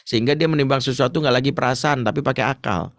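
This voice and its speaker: A man speaking as an ustadz in an Islamic parenting talk, answering a question in a lively, joking way. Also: mid-range voice, fast, no echo, clean studio sound. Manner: lively, joking, acts out stories.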